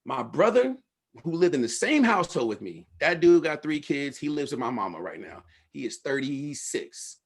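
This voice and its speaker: Male speaker, middle-aged, from Los Angeles, husky voice, frank slangy storyteller at a lecture. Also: fairly high pitch, sing-song, moderate pace. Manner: candid, slangy storytelling with swearing. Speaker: guest speaker and researcher. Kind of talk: casual talk with audience Q&A.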